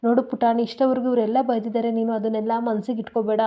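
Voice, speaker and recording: Older woman, gentle and reassuring; woman narrator voicing her. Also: a little high, little pitch movement, very fast, close to an everyday voice. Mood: coaxing. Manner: coaxing, reassuring. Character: kind older grandmother, gentle and coaxing.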